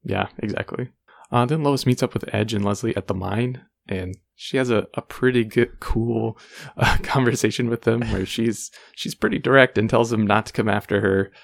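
Male podcast co-host, low gravelly voice, relaxed episode-recap chat. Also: moderate pace. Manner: relaxed, recaps plot with fillers.

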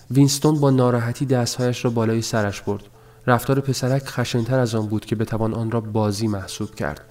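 With a mid-range voice, a male narrator reads a novel for an audiobook, telling the story in an even and measured way.

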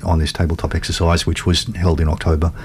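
A man talks through current affairs in a measured, conversational way. His voice is deep and fairly monotone, with a faint rumbling noise behind it. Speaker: radio show co-host.

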